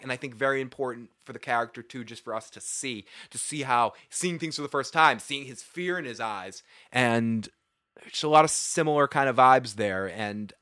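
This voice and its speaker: A man's voice: mid-range voice, fairly bright tone, dry recording, clean studio sound. A man with a Boston accent and a head cold, chatting casually through an episode recap, rambling with plenty of restarts and repeated words. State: sniffly with a cold. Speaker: TV episode reviewer.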